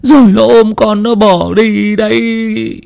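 A distraught elderly mother wails her way through her words in this audio story, voiced by a man raising his voice high. Her speech is slow, stretched and keening. She is a lamenting village woman. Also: fairly even intonation, vocal fry, darkish tone, exaggerated voice. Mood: fearful. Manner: wailing, drawn-out lament.

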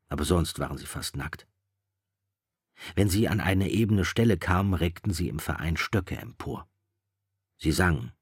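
Deep husky male narrator. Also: no echo, clean studio sound. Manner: measured, steady storytelling. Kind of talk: scripted narration of a novel.

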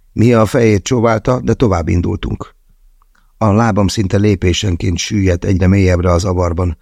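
Gravelly, deep male audiobook narrator. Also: a little mellow, no room sound, studio quality. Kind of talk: first-person audiobook narration.

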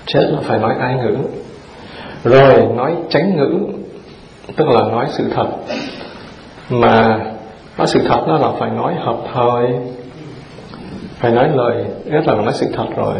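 A Buddhist monk delivers a dharma talk, tossing rhetorical questions at his listeners with folksy humor. His voice sits at medium pitch with a creaky quality, moving at a moderate pace broken by long pauses. The recording was made in a roomy, dull-sounding hall, with the audience audible in the background.

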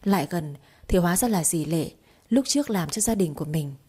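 A woman calmly narrating a romance story in an even storytelling manner. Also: on the low side, brisk, breathy edge.

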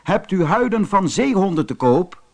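Here is a mysterious cloaked rider from a storybook, coaxing and eager, as a man puts him on. The voice sits well above the reader's own and swings widely in pitch. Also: sing-song, moderate pace, gravelly, a little mellow, exaggerated voice. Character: mysterious cloaked male rider, smooth and persuasive.

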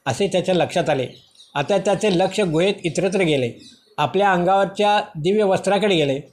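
A man reading a prose rendering of a sacred story in steady, measured narration. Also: high voice. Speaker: reader of scripture.

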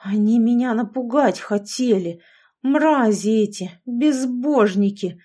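A woman voicing a bitter, frightened old village man in an audiobook, speaking slowly and gruffly. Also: on the high side, animated, warm tone. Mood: angry. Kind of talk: audiobook character voice.

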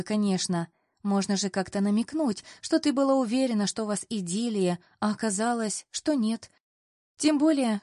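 A woman voicing a bubbly, energetic young female friend who eagerly pushes her pal on in a storybook reading. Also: fairly high pitch, dry recording, studio quality, lightly acted. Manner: eager, pushy.

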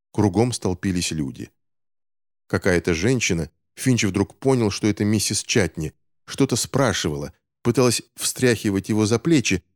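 A man reading a novel aloud in measured scripted narration. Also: fairly low pitch, darkish tone, no echo, studio quality. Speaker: audiobook narrator.

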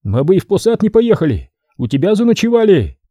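A man voicing an old male merchant who coaxes and wheedles in a hoarse, cracking voice. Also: high-pitched, big pitch swings, fast talker, dark tone, dry recording, clean studio sound, voice pushed up. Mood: wheedling.

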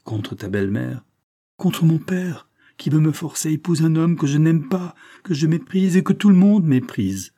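A man's voice: medium pitch, normal speed, warm tone, husky, lightly acted. A man reading aloud and voicing a distressed young woman who begs her grandfather for protection, his voice raised and pleading. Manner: pleading, anxious.

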